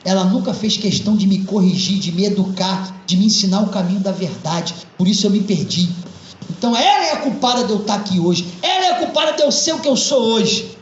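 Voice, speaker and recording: A man voicing a young male prisoner who speaks low, slow and bitter. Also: expressive, roomy sound, lo-fi sound. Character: cold young male prisoner, blaming his mother.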